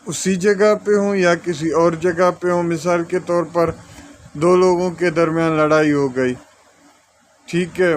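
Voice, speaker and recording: A man with a Pakistani accent gives an informal law lesson, explaining through examples and switching between Urdu and English legal terms as he deliberately reads out clauses. His voice is high-pitched, with a little hiss or hum in the audio.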